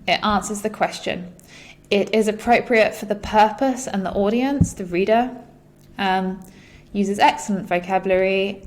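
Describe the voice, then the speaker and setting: A woman's voice: medium pitch, a little mellow. Encouraging New teacher woman. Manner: encouraging, direct advice with frequent "um"s. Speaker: teacher and exam marker. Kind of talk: explanatory lesson voice-over.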